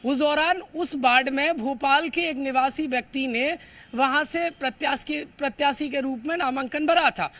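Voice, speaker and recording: A man reporting live for the news, emphatic and hurried, often stumbling over words and filling pauses. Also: very high-pitched, pushed and bright. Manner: fast, emphatic, with frequent stumbles and fillers. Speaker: field reporter.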